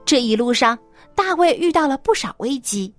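Woman, children's storyteller, high-pitched, very lively intonation, talking as if to a small child, coaxing questions. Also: moderate pace, dry recording, soft background music. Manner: talks as if reading to a small child, with simple explanations and coaxing questions. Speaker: host and storyteller of a children's Bible story programme. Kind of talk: expressive story narration addressed to young children.

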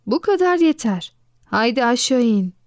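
A woman reading the lines of a stern but kind male schoolteacher in a children's storybook, in a brisk, commanding way. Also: fairly high pitch, very animated, no room sound, studio quality.

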